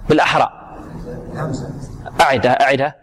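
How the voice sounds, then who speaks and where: A man teaching Quran recitation rules, slowly repeating syllables and quizzing his students. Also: medium pitch, fairly even intonation, a crowd in the background. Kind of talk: tajweed lesson with students.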